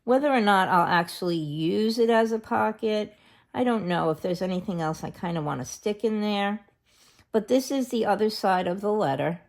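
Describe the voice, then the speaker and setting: A woman's voice: lowish voice, creaky, a little mellow. A woman narrating a casual paper craft tutorial at her worktable, chatty and thinking aloud as she goes. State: has hiccups.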